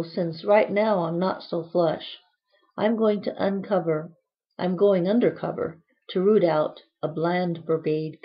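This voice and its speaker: Reading aloud from a book she wrote, a woman with a lowish voice uses a whimsical, playful lilt and scatters in quirky asides. The audio is dull and lo-fi.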